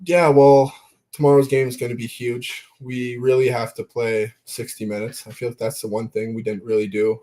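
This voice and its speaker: A young man born in Belgium answering interview questions in a relaxed, plain-spoken way with fillers. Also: medium pitch, normal speed. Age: young adult. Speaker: junior hockey player guest.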